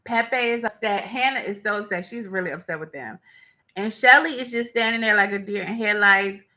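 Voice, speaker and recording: Woman, bright tone, casual recap, chatty, animated storytelling, mid-pitched. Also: fairly quick, low-quality recording. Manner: animated retelling, acts out quotes, chatty with fillers. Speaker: reality show recapper.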